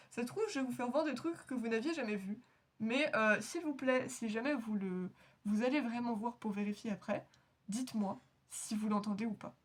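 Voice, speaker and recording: Chatty, giggly woman reacting to anime. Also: a little high. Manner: chatty, rambling, giggly, self-mocking. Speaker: anime reaction channel host. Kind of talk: casual reaction chat.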